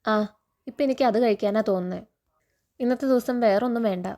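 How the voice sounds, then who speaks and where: A woman reading the lines of a stern father who scolds and teases his daughters, in a steady recounting tone. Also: a little high, quick pace, lightly acted. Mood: teasing. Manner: stern, threatening.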